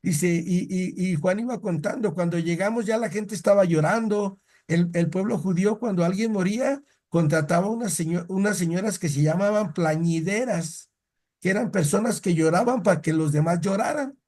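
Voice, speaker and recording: A man leads a relaxed catechism lesson, his voice sitting noticeably high for a man. He talks in a storytelling way and often stops to restart a word or phrase. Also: moderate pace. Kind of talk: casual Bible teaching.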